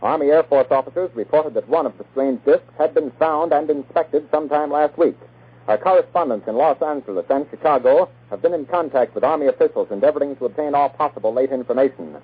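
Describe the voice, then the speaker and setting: A man reads headlines in a formal 1940s announcer style. It comes from an old archival radio broadcast, scratchy and thin as a phone line. His voice sits a bit high and sounds husky. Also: brisk. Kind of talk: 1940s radio news reading.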